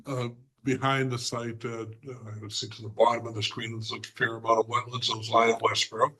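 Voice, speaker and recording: A man presenting a plan at a zoning hearing, hoarse and halting, with many fillers and frequent throat clearing. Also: medium pitch, level tone, sharp tone, rough recording. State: hoarse, losing his voice. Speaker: applicant's representative. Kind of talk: presenting at a remote board hearing.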